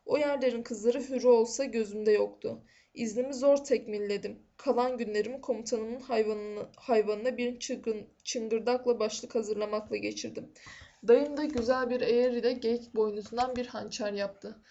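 Woman, audiobook reader, steady narration, slightly high voice, muffled lo-fi sound. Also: normal speed. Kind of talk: novel reading. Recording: dull lo-fi recording.

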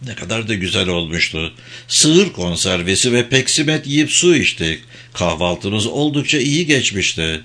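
A man narrating a first-person audiobook in an expressive reading style. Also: medium pitch.

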